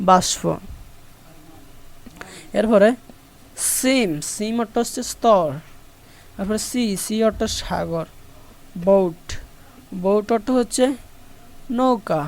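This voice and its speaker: A woman's voice: mid-range voice, darkish tone. A woman with a Bangladeshi accent teaching an online English lesson, explaining step by step and repeating each example.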